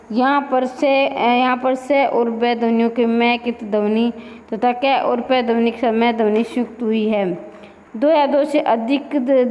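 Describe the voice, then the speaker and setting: A woman's voice: fairly high pitch, mellow, big-room sound. A woman teaching Hindi grammar for exams, who explains each point and then goes over it again as a likely test question. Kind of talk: exam-prep lecture.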